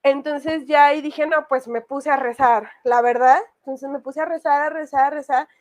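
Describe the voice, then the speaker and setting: A woman's voice: sits high, fairly even intonation, normal speed. A woman casually telling a personal horror story, rambling with many fillers. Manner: rambling, full of fillers and restarts.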